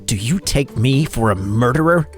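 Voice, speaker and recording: A wary, guarded young woman speaks in a plain, deadpan tone, as a man reads her out. The pitch moves around quite a lot. Faint music plays underneath. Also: moderate pace, lightly acted.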